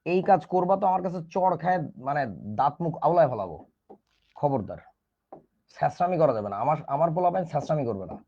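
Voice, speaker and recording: A man's voice: fairly high pitch, animated, fast talker, dark tone, lo-fi sound. A man with a Bangladeshi Bengali accent teaching a casual online chemistry class, chatty and teasing, playfully scolding his students.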